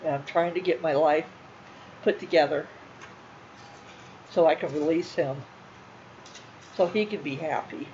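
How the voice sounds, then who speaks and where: A middle-aged woman talks casually to her viewers, halting, repeating herself and sounding emotional. The recording is a little dull and muffled. A faint noise sits underneath her voice. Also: low-pitched, a little mellow. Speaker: channel host. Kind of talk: casual talk to livestream viewers.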